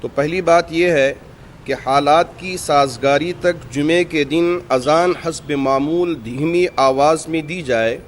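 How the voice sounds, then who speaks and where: A man, a mosque imam, reading out a formal statement point by point in measured religious diction, outdoors by a street. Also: a little high, a little hiss or hum.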